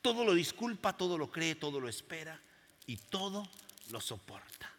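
A man's voice: a little high, sing-song, moderate pace, fairly bright tone. A man preaching a sermon to a congregation, emphatic and full of questions to the crowd. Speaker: pastor. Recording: long hall reverb.

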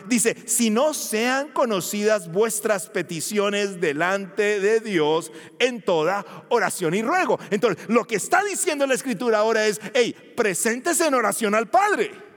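Lively-pitched man preaching in a hall. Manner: animated preaching, asks the congregation questions. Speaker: pastor. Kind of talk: sermon.

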